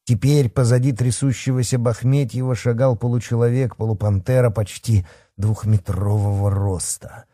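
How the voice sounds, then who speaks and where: A man reading a dark fantasy story aloud with expressive, dramatic narration. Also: fairly low pitch, husky, no echo, studio quality. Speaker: audiobook narrator.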